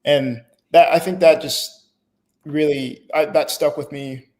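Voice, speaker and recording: A man's voice: on the high side, fairly even intonation, slow pace, darkish tone. A young man in his late teens, born in Haiti, answering interview questions in a hesitant way with fillers and restarts. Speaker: guest.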